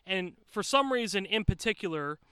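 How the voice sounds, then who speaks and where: A man's voice: high-pitched, lively intonation, normal speed, pushed and bright, smooth, no echo, clean studio sound. An American man telling anecdotes informally as a podcast guest, joking and repeating words for emphasis, recorded outdoors. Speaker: podcast guest, wrestler and manager. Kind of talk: casual anecdotal storytelling. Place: outdoors in a shaded backyard.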